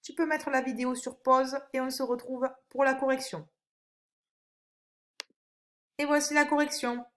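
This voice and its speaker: A woman, a primary school teacher, giving a recorded phonics lesson for young children, with slow, clear and encouraging instructions. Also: high-pitched, flat delivery, a bit bright. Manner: stretches out single words when reading them aloud.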